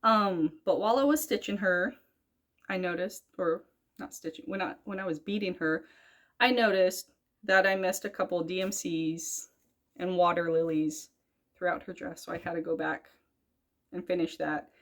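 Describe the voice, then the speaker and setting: A woman's voice: fairly low pitch, moderate pace. A young woman talking casually about her cross-stitch projects, rambling and correcting herself as she goes. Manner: chatty, rambling, self-correcting. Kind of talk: casual chat.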